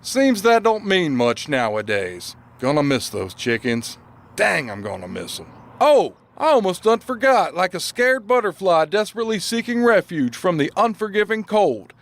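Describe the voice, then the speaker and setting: A man's voice: high-pitched, sing-song, normal speed, hardly any pauses. An actor playing a folksy small-town ex-lawman who talks in rambling, flowery similes with a rural drawl. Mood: wistful. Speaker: former lawman character. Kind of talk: audio drama acting.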